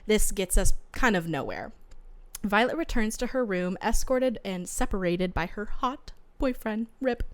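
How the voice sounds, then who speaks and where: A woman's voice: medium pitch, lively intonation, unhurried. A young woman co-hosting a casual book podcast, chatting in a bubbly, giggly sorority-girl manner. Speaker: podcast co-host.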